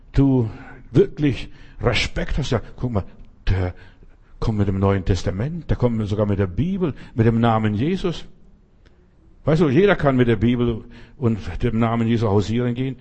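A man preaching a conversational sermon, talking straight to one listener and acting out the stories he tells. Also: medium pitch. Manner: speaks directly to one listener, often asks "weißt du"; animated storytelling, acting out quoted voices.

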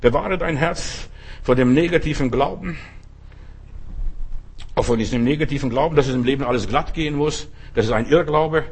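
A middle-aged male preacher giving a fervent sermon, talking straight to the listener and swinging between loud exhortation and quiet asides. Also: medium pitch, moderate pace, long pauses, slightly rough. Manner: addresses listener directly as du.

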